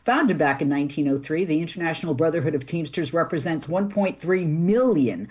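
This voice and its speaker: A woman's voice: low voice, brisk, a little mellow, slightly rough. A woman with a Boston accent hosting a talk show in a chatty, informal, conversational interviewing style. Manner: chatty, informal, directly addresses listeners. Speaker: radio talk show host.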